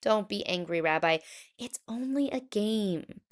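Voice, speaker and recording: A woman's voice: medium pitch, lively intonation, unhurried, lightly acted. A woman voicing a cheerful, fussing ninety-seven-year-old grandmother in a storybook read-aloud. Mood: chatty, fussing. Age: older.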